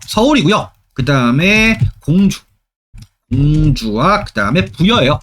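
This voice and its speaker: Middle-aged guy teaching exam history, pretty high voice, keeps asking the class questions. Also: a bit bright, slight background noise. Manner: emphatic, repeats key terms. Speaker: history lecturer. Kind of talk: exam-prep lecture.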